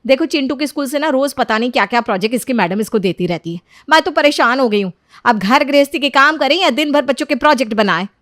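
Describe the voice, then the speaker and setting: Cartoon: shrill, bossy sister-in-law who is always complaining, put on by the woman narrator. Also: a little fast, no room sound, studio quality, natural voice. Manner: loud, scolding, high-pitched. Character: bossy young elder sister-in-law, nagging.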